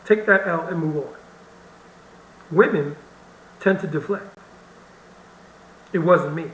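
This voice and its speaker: A man's voice: fairly high pitch, slow pace, a bit bright, echoey room, poor audio. A man hosting a reaction video, commenting bluntly and with wry irritation on the clip he plays. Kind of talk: casual commentary over a played video.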